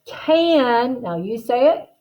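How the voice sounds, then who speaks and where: Female reading teacher, somewhat high register, slow exaggerated sound-by-sound modeling, instructive delivery. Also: rough recording. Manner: instructive, checks understanding with short tag questions. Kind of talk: guided phonics lesson.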